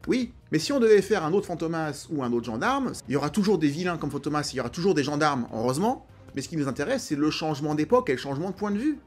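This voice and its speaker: A man's voice: a little high, animated, fast, hardly any pauses, faint music behind. A man hosting an enthusiastic, chatty, opinionated film commentary. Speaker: film video host.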